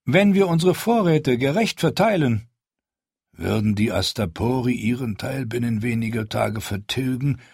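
A man voicing a young, proud and stubborn queen in an audiobook, speaking firmly with a raised pitch. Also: expressive, moderate pace, gravelly, darkish tone, slightly rough, no echo, clean studio sound. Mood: resolute. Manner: raised pitch, firm commanding delivery. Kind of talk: audiobook character voice.

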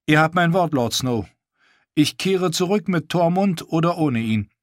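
A man's voice: fairly high pitch, lively intonation, a little slow, no room sound, studio quality, pitched above the performer's own voice. A man voicing a bold, proud wildling woman from the free folk, speaking firmly and with self-assurance. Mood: resolute.

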